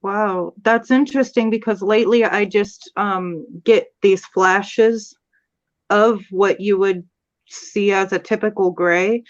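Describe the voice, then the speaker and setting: A woman's voice: mid-range voice, steady tone, slow, muffled recording. A woman guest in a casual live-stream chat, speaking hesitantly with many fillers and trailing off.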